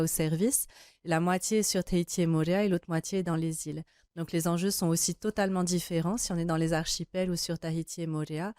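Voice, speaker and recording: Measured woman, low mellow voice. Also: no room sound, clean studio sound. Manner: fluent and measured, lists points. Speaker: crafts service official. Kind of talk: studio interview.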